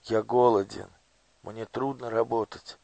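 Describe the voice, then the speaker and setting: A man's voice: medium pitch, fairly even intonation, unhurried, vocal fry, mellow, no room sound, muffled recording, voice pushed up. A man voicing a starving young boy who pleads and protests earnestly in a storybook reading. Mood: weak pleading.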